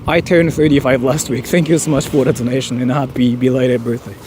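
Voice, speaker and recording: This Japanese man in his 30s has a mid-range voice and a flat, brisk delivery, with a noisy background behind him. Chatting on a live stream and reading viewer donations, he rambles, cracks jokes, and leans heavily on "like".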